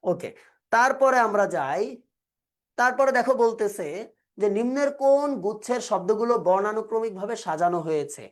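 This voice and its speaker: A woman's voice: mid-range voice, animated, normal speed. Woman teacher explaining step by step. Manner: explains step by step, asks and answers own questions. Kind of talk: exam-prep lecture.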